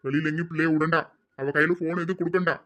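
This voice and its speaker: A man voicing an earnest, worried middle-aged father who speaks quietly. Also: fairly high pitch, fairly even intonation, very fast, lightly acted. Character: middle-aged father, worried and set on marrying off his daughter. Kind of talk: hobby audio drama.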